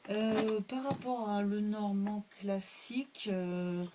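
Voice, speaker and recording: A woman's voice: medium pitch, takes it slowly, background noise. A woman hosting her own cartomancy channel, reviewing a card deck in casual chat, hesitant with many fillers and restarts.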